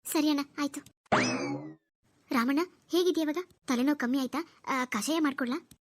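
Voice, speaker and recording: A woman's voice: high voice, normal speed, no room sound, lightly acted. A woman voicing a devoted, grateful young village sister in a cartoon. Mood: cheerful. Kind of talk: Kannada cartoon dialogue.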